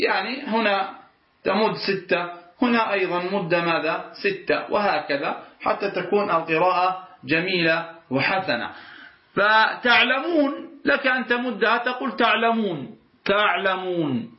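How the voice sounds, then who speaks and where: Man, high voice, recitation teacher, asks and answers his own questions, roomy lo-fi recording. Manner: asks the class "what?" and answers himself; drawls out the words he demonstrates. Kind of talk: explaining a recitation rule line by line. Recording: roomy, dull lo-fi sound.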